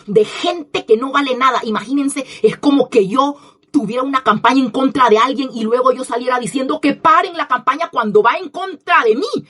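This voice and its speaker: A woman's voice: high voice, fairly bright tone. A woman giving an indignant, scornful opinion monologue as a commentator, repeating herself for emphasis.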